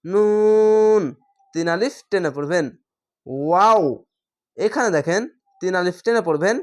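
A woman from Bangladesh teaching a step-by-step Quran reading lesson, sounding out each letter slowly and louder, with plain explanations in between. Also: on the low side, animated. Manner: slow, drawn-out letter pronunciation between explanations; sounds the letters out louder and more drawn out than her explanations.

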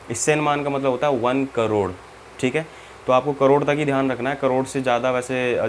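A man's voice: medium pitch, a little hiss or hum. A man teaching a Japanese language lesson, patient, repeating each step and checking that the learner follows. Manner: mixes in English terms, spells out each example.

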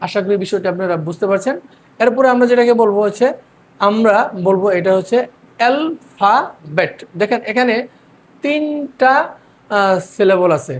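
A man's voice: very high-pitched, a little mellow, a little hiss or hum. A man teaching English pronunciation, explaining step by step and drawing out each word syllable by syllable. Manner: repeats words slowly and drawn out, syllable by syllable. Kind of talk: explanatory lesson.

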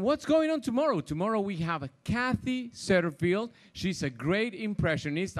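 A man speaking in an upbeat, showmanlike way as a cruise director, making live announcements to guests from a theater stage on a handheld microphone. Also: sits high. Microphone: handheld microphone through PA.

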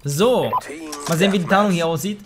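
A young man commenting on a shooter game as he plays, slangy and swearing, with excitable outbursts. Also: sits high, brisk, music in the background. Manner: slangy, swears and trash-talks. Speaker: let's play host. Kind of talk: casual gameplay commentary.

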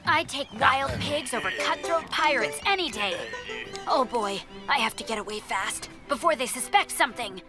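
A woman's voice: high-pitched, lively intonation, normal speed. A woman voicing a cartoon boy who is anxious and puzzled, trapped in a pirate's body. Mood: worried. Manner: puzzled, hesitant, lots of exclamations. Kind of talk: cartoon voice acting. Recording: music underneath.

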